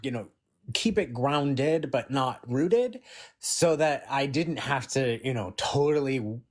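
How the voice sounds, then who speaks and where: A woman's voice: a bass voice, expressive, takes it slowly, a little mellow, dry recording, clean studio sound. A woman speaking as a guest author in a casual interview, acting out remarks as she tells her stories. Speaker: fiction author being interviewed.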